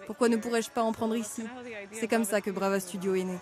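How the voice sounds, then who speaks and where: Woman dubbing interview answers, calm and plain, mid pitch, music playing clearly underneath. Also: fairly quick. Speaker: voice-over interpreter. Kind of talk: dubbed interview voice-over. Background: background music.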